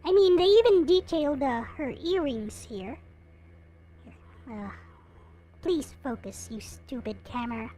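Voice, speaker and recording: A woman hosts a livestream showing collectible figures, chatting casually with viewers and answering their comments. Her high-pitched voice is warm, and she speaks at a measured pace with frequent pauses.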